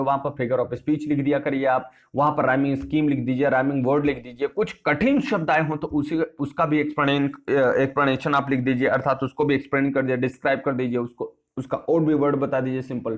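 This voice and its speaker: A male English tutor, his voice sitting a little high, walks students through a lesson. He repeats each point, quizzes them and answers his own questions, calling them familiar names. The audio is muffled and lo-fi. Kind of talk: classroom-style video lesson.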